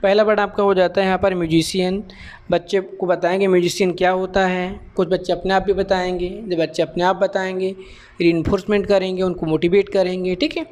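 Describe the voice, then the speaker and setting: A high-pitched man walks trainee teachers through a lesson plan. He mixes Hindi with terms. He reads the sample questions and answers slowly and deliberately. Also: little pitch movement, darkish tone. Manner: reads English sample lines slowly, then explains in Hindi mixed with English. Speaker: teacher educator.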